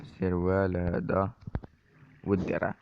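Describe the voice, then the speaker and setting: A man's voice: low-pitched, measured pace, creaky. A man with an Algerian Arabic accent giving chatty let's-play commentary, talking straight to his viewers as brothers. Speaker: gaming YouTuber. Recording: dull lo-fi mic with steady noise.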